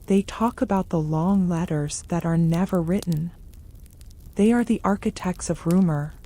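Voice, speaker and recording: A woman reading a gentle scripted sleep story in a soft, soothing, hushed and measured manner. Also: on the low side. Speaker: narrator of sleep stories.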